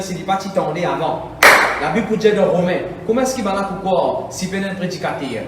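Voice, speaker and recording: A pastor preaches with fervour, his voice sitting high and bursting into shouts now and then. He is caught from a distance in a big, booming church hall. The reverb hangs long after each phrase. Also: a little hiss or hum. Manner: impassioned, repetitive preaching with shouted outbursts. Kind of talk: preaching a sermon. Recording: echoey hall, mic from far off.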